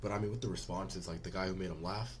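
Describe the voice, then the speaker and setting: Deep-voiced fast-talking young man commentator. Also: fairly even intonation, slight background noise. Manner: blunt, swears freely, mocking. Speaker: reaction commentator. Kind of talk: casual reaction commentary.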